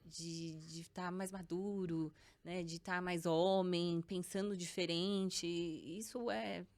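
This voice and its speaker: A Brazilian woman in her thirties, a guest co-founder on a podcast, chats casually and tells lively stories, acting out dialogue and laughing often. She has a Brazilian Portuguese accent and a lowish voice, and she speaks slowly.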